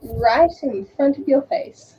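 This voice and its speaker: A woman's voice: sits high, animated, takes it slowly, dull audio, slight background noise. A woman chatting as a guest on a casual livestream, playful and teasing. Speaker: guest reader.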